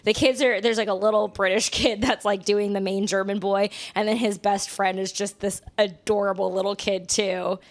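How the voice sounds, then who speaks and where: A woman's voice: mid-range voice, steady tone, normal speed, few pauses. A young adult woman hosting a podcast in casual chat, talking loosely with lots of fillers and frequent laughs. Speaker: podcast host.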